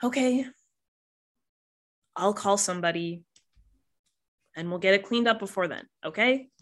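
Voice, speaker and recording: A woman's voice: medium pitch, unhurried, natural voice. A woman voicing a responsible, weary adult cousin, patient and mildly exasperated.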